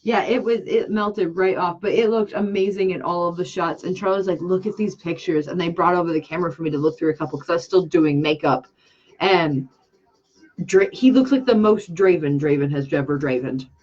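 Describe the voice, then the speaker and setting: A woman hosting a casual livestream chat, rambling excitably and losing her train of thought. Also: on the low side, fairly quick. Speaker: channel host and makeup artist. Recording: dull lo-fi sound.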